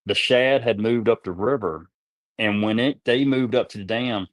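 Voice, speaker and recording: Speaking at a normal pace in a low-leaning voice, this man is a guest on a casual interview, a tournament kayak angler. He rambles through fishing stories in a folksy manner, repeating words along the way, on a dry recording.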